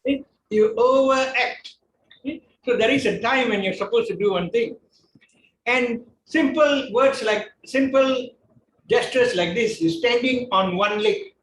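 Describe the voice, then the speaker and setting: A man's voice: very high voice, unhurried, a bit bright. A man teaching public speaking at a club meeting, joking and often checking in with the room. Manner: joking, keeps checking in with "okay?". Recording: echoey room, mic far off, faint noise.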